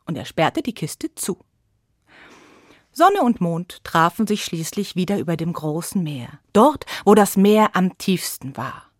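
A woman telling a fairy tale for young children, expressive and sometimes dropping to a whisper. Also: fairly low pitch, unhurried, no room sound, clean studio sound. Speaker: storyteller.

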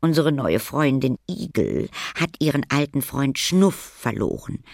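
A woman's voice: very deep voice, very animated, a little slow, vocal fry, a little mellow, dry recording, clean studio sound, voice pushed up, heavily acted. Woman doing a friendly eager mole. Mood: cheerful. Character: friendly helpful female mole.

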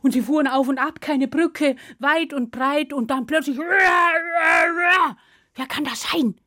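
A woman telling a fairy tale to children in a playful, lively way, acting out voices and sounds. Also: high voice, normal speed, dry recording, clean studio sound. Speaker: storyteller.

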